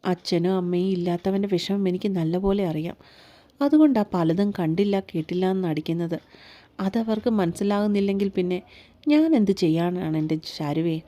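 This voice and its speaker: A woman voicing a teasing, tender young husband in a read-aloud romance story, with a gentle coaxing tone. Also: on the low side, fairly even intonation, brisk, close to an everyday voice. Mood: soothing.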